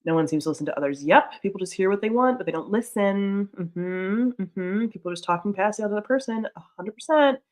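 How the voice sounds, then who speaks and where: A woman's voice: mid-range voice, animated, fairly quick, hardly any pauses, a little mellow. A woman in her thirties streaming casually, rambling through chat with lots of "like"s at a desk mic. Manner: chatty and rambling, many "like"s.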